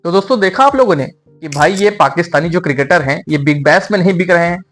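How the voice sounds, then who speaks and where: A man hosting a reaction video, excited and mocking as he introduces the clip. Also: high-pitched, fast talker, faint music behind. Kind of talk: casual chat.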